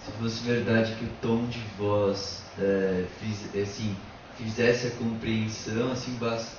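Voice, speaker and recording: A man in a casual discussion, speaking slowly and hesitantly. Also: fairly low pitch, level tone, muffled recording. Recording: echoey, distant, noisy room.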